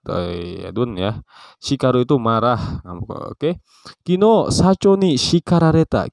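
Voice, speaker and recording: Relaxed low-voiced man teaching vocabulary. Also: clear, resonant tone, no echo. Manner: explains each word with example sentences, rising on new headwords; relaxed, chatty, frequent fillers. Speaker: Japanese language teacher. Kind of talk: casual vocabulary lesson.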